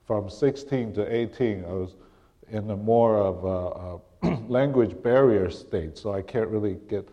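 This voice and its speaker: Mellow-voiced man. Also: on the low side, dull audio. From Taiwan. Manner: halting, with restarts and frequent throat clearing. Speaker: guest preacher. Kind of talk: sermon.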